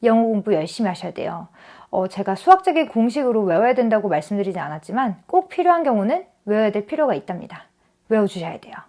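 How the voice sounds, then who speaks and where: A woman teaching English grammar online, repeating each word slowly and patiently. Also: mid-range voice, sing-song, dark tone.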